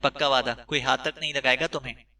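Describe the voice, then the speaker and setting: A sly kidnapper, smooth and persuasive, with a threat under the sweet talk, as a male narrator puts him on. The voice is very bright and set back from the mic in a storybook reading. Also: mid-range voice, moderate pace, far from the mic. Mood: coaxing.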